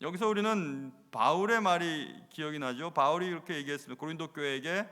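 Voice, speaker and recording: A man preaching a sermon as pastor at live worship, acting out quoted lines with loud bursts and mixing in short English phrases. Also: fairly high pitch, fairly quick. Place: church sanctuary during live worship. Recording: long hall reverb from church sanctuary.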